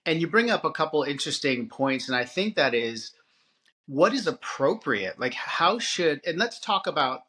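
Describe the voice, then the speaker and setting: Bright-voiced man musing on a podcast. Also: on the high side, very animated, moderate pace. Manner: thoughtful, hesitant, many restarts. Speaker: podcast co-host. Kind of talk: casual chat.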